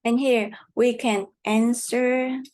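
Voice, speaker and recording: A woman teaching a Chinese lesson in English, patiently repeating words slowly for learners, with Mandarin as her first language. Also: on the high side, fairly even intonation, darkish tone. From Taiwan. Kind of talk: slow language lesson explanation.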